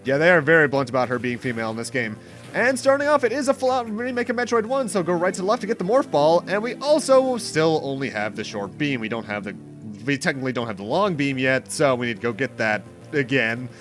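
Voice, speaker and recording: A man whose voice is on the high side hosts a let's play, very animated and talking fast. He rambles through explanations with dry asides while video game music plays under his voice.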